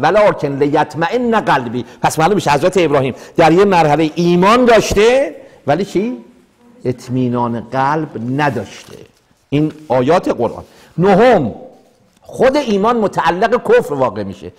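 Religious teacher, male, slightly high voice, animated lecturing with rhetorical questions. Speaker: teacher of mystical texts. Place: lecture hall in Vancouver.

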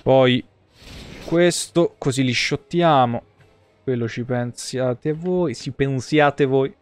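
Here an Italian man streams from an indoor room, offering laid-back, slang-filled live commentary as he plays. He talks slowly in a medium-pitched voice with a clean tone.

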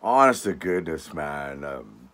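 An older man from Canada with a bass voice, slightly bright, takes his time while hosting his own channel, his intonation lively. His rant drips with mocking sarcasm toward viewers and wanders with restarts and tags like "eh" and "all right."

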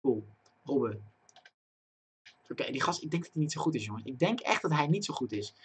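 A young man giving live commentary on his own football game, chatting to viewers and breaking into loud excited yells at big chances. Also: medium pitch, brisk, slightly rough. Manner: talks to himself and chat, bursts into loud excited shouting at chances. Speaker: gaming streamer. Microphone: desk microphone.

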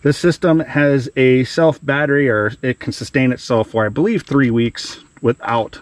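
A man's voice: mid-range voice, moderate pace, no room sound. A man hosting a do-it-yourself video outdoors in a wooded yard, explaining his project in a plain conversational way with fillers, recorded on a body-worn camera. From Ohio. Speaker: DIY outdoors channel host. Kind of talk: casual how-to explanation.

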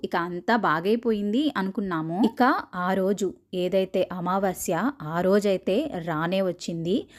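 A woman's voice: mid-range voice, darkish tone. Woman narrating a true horror story.

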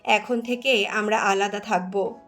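A woman's voice: medium pitch, fairly even intonation, slow pace, a bit bright, soft background music. A woman voicing a stern, firm older brother in a story.

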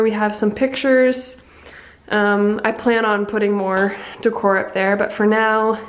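A chatty young woman talks into a handheld camera, walking through her house. Her voice sits a little high for a woman. She is upbeat and casual and keeps slipping in "like" and "um". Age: young adult. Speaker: vlogger. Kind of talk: casual home vlog chat. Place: living room, then walking through a house, indoors. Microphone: on-camera mic, camera handheld at arm's length.

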